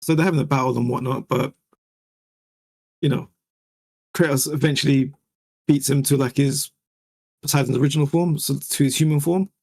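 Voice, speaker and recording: A man's voice: medium pitch, steady tone, moderate pace, long pauses, a little mellow. A young man co-hosting a podcast in casual chat, laughing often and acting out scenes as he retells them. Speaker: podcast co-host.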